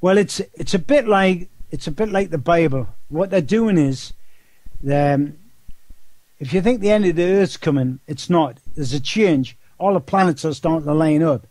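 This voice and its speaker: Rambling along at normal speed, this older Geordie guest repeats words and asks rhetorical questions in a casual, phone-style interview. His voice is a little high and a little mellow, with no room sound at all.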